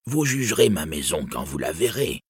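A pleading old dwarf, fearful and poor, begging in a thin, raised, slow voice, as a man puts him on. The voice stays husky and dry, close to the mic, in a storybook reading. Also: rumbling low, very animated, no echo, heavily acted. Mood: wary. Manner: pleading, speaks of himself by name.

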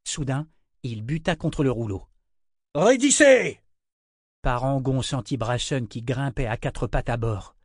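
A man reading a novel aloud in measured scripted narration. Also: mid-range voice, dry recording, studio quality. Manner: measured, storytelling. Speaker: audiobook narrator.

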